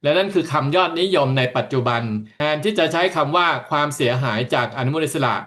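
A man interpreting a talk into another language in steady, continuous stretches after each passage. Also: on the high side, fast talker. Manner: steady, continuous rendering of the speaker's points. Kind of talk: consecutive interpreting.

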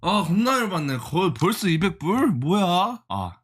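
A man's voice: sits high, sing-song, measured pace, fairly bright tone, breathy edge. A young man giving live reaction commentary as he day-trades, exasperated and joking with his viewers and scolding the price chart. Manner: exasperated, talks to the chart, jokey banter with viewers. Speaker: stock-trading vlogger.

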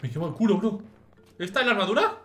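A young man with an accent from Spain, giving casual, excitable gaming commentary to his chat and swearing freely. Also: high-pitched, fast, soft background music. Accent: Spain Spanish. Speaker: streamer.

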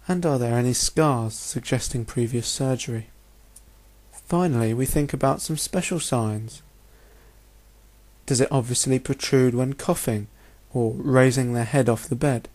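Man, medium-pitched voice, medical lecturer, methodical, instructional, slide narration. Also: measured pace, darkish tone. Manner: clear, methodical, instructional, posing rhetorical questions.

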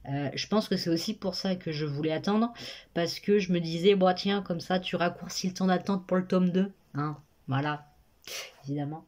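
Recording on her phone camera in her bedroom at her parents' house, a chatty young woman talks about books in a relaxed way. She speaks at a moderate pace in a low, darkish voice, often hesitating and correcting herself.

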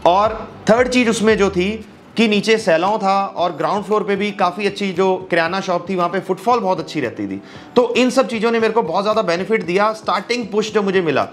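A man in his thirties, a gym business coach, explaining to camera from a trophy-filled office, mixing English phrases into Hindi and gesturing constantly. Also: high-pitched. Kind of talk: direct-to-camera advice video. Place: office with trophy shelves, indoors.

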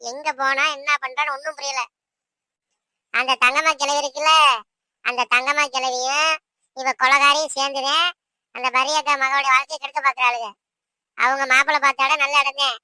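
A woman voicing a chatty village woman in a cartoon who gossips about the neighbours. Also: no echo. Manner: chatty gossip, lower and softer.

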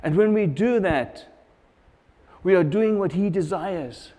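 A man's voice: sits high, animated, slow pace, mellow, in a large hall. A middle-aged man preaching a sermon at a church pulpit, earnest and repeating phrases for emphasis, on a lapel mic. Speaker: pastor.

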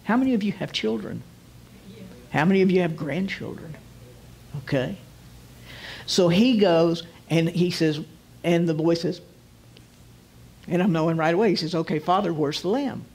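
Husky man telling a sermon story. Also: fairly high pitch, a little mellow. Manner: vivid retelling, drops to slow emphatic phrases. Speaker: guest rabbi preaching.

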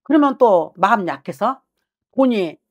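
A woman's voice: medium pitch, expressive, measured pace. Middle-aged woman fortune teller, blunt and bossy, grills the caller, talks at her desk in a small shrine office. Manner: blunt, scolding, acts out the client's thoughts. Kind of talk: fortune-telling consultation.

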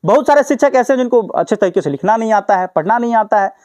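A man reporting on the spot from a village school, pressing a teacher with pointed questions. His voice sits high and the words pour out fast. The sound is dry and close. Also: expressive, darkish tone, no echo. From Bihar. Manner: confronting and lecturing. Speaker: reporter and host. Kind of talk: on-the-spot news interview.

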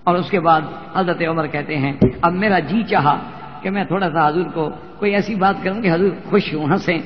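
Male preacher, high voice, sermon with slow chanted verses and lively storytelling; dull, echoey hall recording. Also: a little hiss or hum. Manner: chants Arabic verses slowly, retells stories animatedly. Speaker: religious preacher. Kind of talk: Urdu sermon with Quranic recitation.

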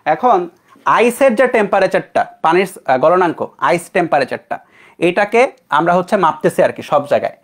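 A man's voice: sits high, animated, fairly quick. A young man from Bangladesh teaching an online physics class, talking casually and checking in with his students. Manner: conversational, checks in with students often.

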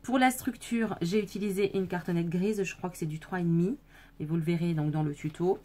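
A woman making a scrapbooking video chats directly to her viewers while casually showing off a handmade album, using lots of fillers and correcting herself. Her warm voice is fairly low, with fairly even intonation and a slightly fast pace.

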